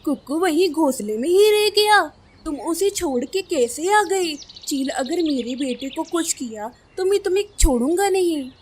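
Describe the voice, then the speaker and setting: A woman's voice: high-pitched, lively intonation, moderate pace, few pauses, dark tone, pitched above the performer's own voice. A woman voicing an easygoing male crow husband in a cartoon, polite and good-natured. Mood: alarmed.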